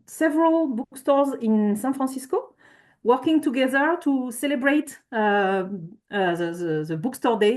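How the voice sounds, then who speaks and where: A woman's voice: fairly high pitch, darkish tone. A woman giving a conference presentation with slides, speaking hesitantly with frequent fillers and self-corrections.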